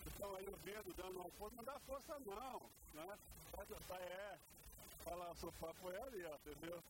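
A Brazilian-accented man with a high voice interviews in a casual, slangy way. He rambles and repeats his words, with very loud event noise all around him. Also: fairly quick. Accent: Brazilian Portuguese. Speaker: radio interviewer. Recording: very noisy live event recording.

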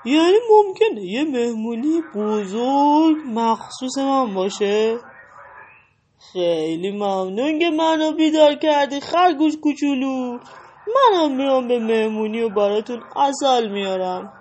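A woman voicing a big furry bear in a storybook reading, speaking slowly, loudly and with drawn-out words. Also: close to an everyday voice. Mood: delighted. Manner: slow, booming and drawn out. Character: big furry bear, grumpy but kind. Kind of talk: storybook read-aloud.

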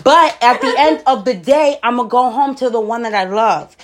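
A woman's voice: on the high side, moderate pace. A woman co-hosting a podcast, talking in a casual, blunt, brash way with plenty of swearing. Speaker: podcast co-host. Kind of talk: casual chat.

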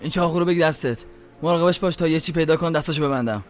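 An actor playing a menacing, foul-tempered robber in an audio drama, barking orders and curses. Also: male voice, on the high side, soft background music, natural voice. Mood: angry.

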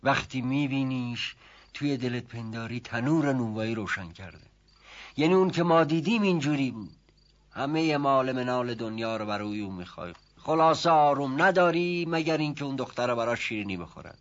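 A man plays a folksy old servant who rambles, stalls and then insists. The voice sits at a middling pitch. It comes through a dull, lo-fi old television soundtrack. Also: expressive, natural voice. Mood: musing storytelling. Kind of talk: 1970s TV drama acting. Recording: muffled lo-fi TV audio.

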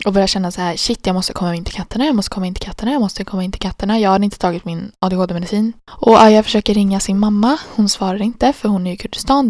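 A woman's voice: a little mellow, no echo, studio quality. A woman in casual podcast chat, telling a story animatedly and acting out her own panic. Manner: acts out her own panic in high squeaky bursts.

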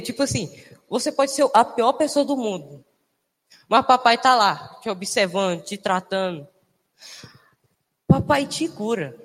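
A young man speaks in a casual church testimony. He sounds emotional and halting, often restarting his sentences. His voice rings with long reverb in a big hall. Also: high voice, a bit bright. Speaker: church member giving testimony.

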